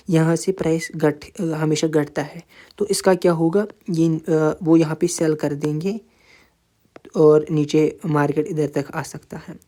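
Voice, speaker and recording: A man walks through a trading chart in a casual tutorial and addresses the listener directly. His voice is warm and mellow rather than bright. He repeats himself often and pads his sentences with fillers. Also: on the high side. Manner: informal, repetitive, addresses viewer directly, many fillers. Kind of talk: casual screen-share tutorial.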